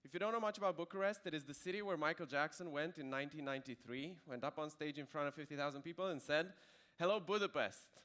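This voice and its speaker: A Romanian-accented man in his thirties gives a keynote at a conference, speaking quickly in a slightly high, somewhat bright voice. His style is conversational, with fillers and dry jokes tossed in as asides.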